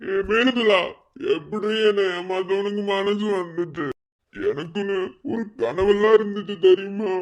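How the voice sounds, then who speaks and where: A man with a Madurai Tamil accent voicing a heartbroken young man in a cartoon. He laments slowly, in a wailing, self-pitying way. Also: sits high. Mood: despairing. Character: heartbroken young man drinking away his sorrow. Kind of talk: cartoon voice acting.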